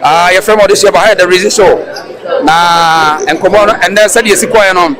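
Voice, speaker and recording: A man with a high, light voice is hosting at a busy public event. He chats casually and keeps up a stream of quick affirmations. A loud crowd carries on behind him. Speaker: host and street interviewer. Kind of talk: casual interviewing, mixing Twi and English.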